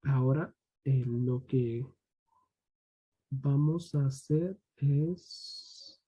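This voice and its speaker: Young man, from Guatemala, student teacher, husky, dark tone, reads rules then slow asides. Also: medium pitch. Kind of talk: online grammar lesson.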